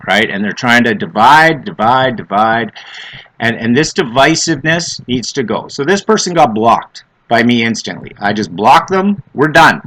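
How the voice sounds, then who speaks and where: Blunt man with a bright smoker's rasp. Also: mid-range voice, low-quality recording. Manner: blunt, emphatic, repeats phrases for emphasis. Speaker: vlogger on adoptee issues. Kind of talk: opinionated off-the-cuff monologue.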